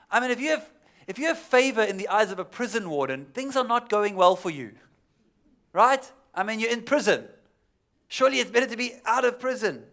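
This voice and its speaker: A man from South Africa preaching a sermon, telling a story conversationally and dropping to a hush for emphasis. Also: sits high, animated, normal speed, pauses often. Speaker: pastor.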